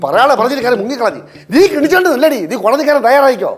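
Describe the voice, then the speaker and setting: A man's voice: extremely high pitch, very animated, racing, slight background noise. An actor playing a stubborn, blustering middle-aged father in a TV sitcom. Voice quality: teasing, blustering. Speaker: father of the family. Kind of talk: TV sitcom acting. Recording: TV sitcom with faint music.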